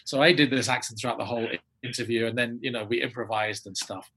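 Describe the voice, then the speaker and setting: A man with an English accent recounts a story in relaxed conversation. He has a slightly husky voice. His pitch jumps up when he acts out other people's lines. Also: fast. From England. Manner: animated storyteller acting out quoted voices. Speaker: actor guest. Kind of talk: casual interview anecdote.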